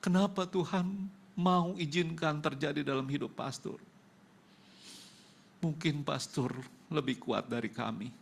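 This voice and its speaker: Brief: male pastor, Indonesian accent, gravelly, fairly high voice, emotional testimony preaching. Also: a little slow, pauses often, a little hiss or hum. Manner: emotional storytelling, acting out dialogue. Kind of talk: testimony sermon. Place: church.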